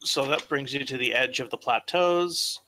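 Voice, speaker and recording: Bright-voiced man running a tabletop game. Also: mid-range voice, a little hiss or hum. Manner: halting, informal, profane. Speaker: game master. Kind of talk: improvised tabletop game narration.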